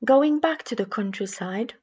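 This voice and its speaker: A woman from Romania with a Romanian accent, reading scripture and giving a sermon in a measured, reflective way. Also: on the high side, lively intonation, a little mellow, breathy edge. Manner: measured, reflective delivery with small restarts. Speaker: preacher.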